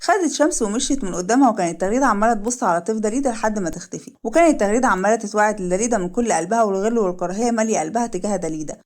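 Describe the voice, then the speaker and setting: Fast-reading Egyptian woman storyteller. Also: mid-range voice, a little mellow. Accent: Egyptian Arabic. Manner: rapid, continuous reading. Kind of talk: read-aloud serial story narration.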